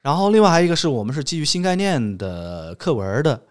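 A man's voice: fairly high pitch, sing-song, fast talker. A man who teaches English pronunciation, a guest on an interview podcast, explaining his courses patiently and methodically.

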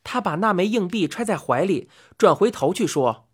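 Speaking at a moderate pace in a lowish, slightly rough voice, a woman narrates a story in the first person. Her reading is lively and expressive, with the dialogue performed aloud, and faint music plays in the background.

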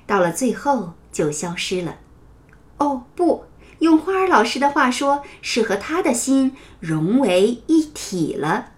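A woman narrating a children's story in a gentle, expressive storytelling manner. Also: fairly high pitch.

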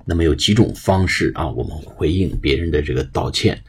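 A man teaching spoken English, explaining in Mandarin and slowly repeating short English phrases for listeners to copy. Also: a bass voice, a little hiss or hum. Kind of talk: spoken English shadowing lesson.

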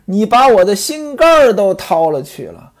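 A man's voice: high voice, very animated, moderate pace. Man voicing a wailing bereaved young mother. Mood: grieving. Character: young mother wailing over her dead son.

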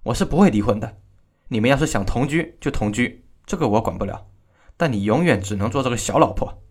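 A wronged schoolteacher wife stands her ground in a told story, voiced by a male narrator. Her speech is firm, with a lively rise and fall. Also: medium pitch, a little fast, breathy edge. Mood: defiant. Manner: defiant, firm delivery.

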